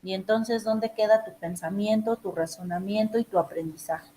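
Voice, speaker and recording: A woman's voice: medium pitch, fairly even intonation, moderate pace, mellow, a little hiss or hum, low-quality recording. A woman teacher giving emphatic, direct instructions to her students in an online class session.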